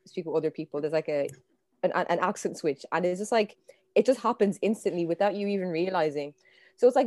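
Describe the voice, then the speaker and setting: A young woman talks things through in a relaxed, searching way, pausing on fillers and restarting her sentences. Her voice sits a touch low for a woman. The sound is close and dry, with no room around it. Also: no room sound. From Ireland. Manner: thoughtful, many fillers and restarts. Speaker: panel guest. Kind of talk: casual conversation.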